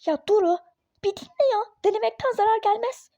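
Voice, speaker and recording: A woman's voice: very high-pitched, brisk, vocal fry, warm tone, no echo, muffled recording. A woman voicing a meddling, superstitious young woman friend in a phone-game role-play story, nagging and insistent.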